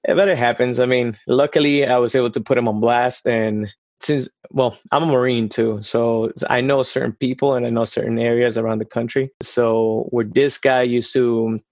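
A man in his thirties from Ecuador, chatting casually as a guest, often halting and repeating words as he talks. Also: medium pitch, fairly even intonation, a little mellow, no room sound, muffled recording. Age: 30s. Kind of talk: casual chat.

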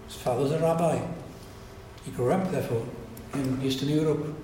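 An older man from Wales, a native Welsh speaker with a Welsh accent, gives a reflective public lecture at a society event, often restarting his phrases. His mellow voice is medium in pitch and moderate in pace. Slight background noise sits in the echoey lecture hall recording.

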